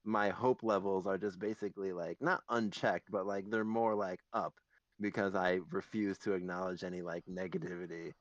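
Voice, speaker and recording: A man's voice: sits low, fairly even intonation, normal speed, no echo, dull audio. A man co-hosting a podcast in casual chat, rambling and full of fillers, laughing often. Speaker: podcast co-host.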